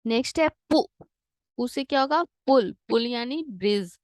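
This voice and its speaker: A woman's voice: fairly high pitch, animated, measured pace, dry recording. A woman teaching young children to read Hindi, sounding out each syllable patiently and slipping in English words. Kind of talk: slow syllable-by-syllable lesson reading.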